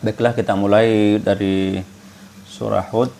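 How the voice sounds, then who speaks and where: An unhurried man teaches Quran recitation rules in a plain, measured voice. He moves between calm explanation and slow, louder chanting of verses, at an unhurried pace. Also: lowish voice, vocal fry, slight background noise. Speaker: student reciting for an assignment.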